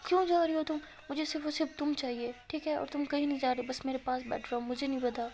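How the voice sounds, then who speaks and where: Woman putting on a crying clingy college girl, higher, pleading, kinda gravelly. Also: fairly even intonation, fast, a little mellow. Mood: tearful pleading. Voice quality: tearful, pleading. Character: young woman college student, distraught and clingy.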